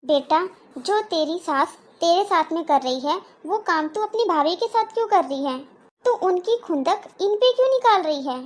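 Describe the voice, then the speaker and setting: Kindly aunt giving calm advice, high voice, cartoon, woman voicing her. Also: moderate pace. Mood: advising. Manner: gently lecturing. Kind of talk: cartoon voice acting.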